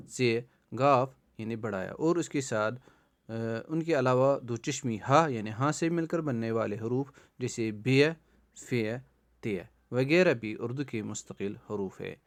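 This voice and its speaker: Male Quran teacher, mid pitch, patient and repetitive, sounds out letters slowly. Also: darkish tone. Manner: explains by repeating himself, sounds out letters slowly. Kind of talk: recorded lesson.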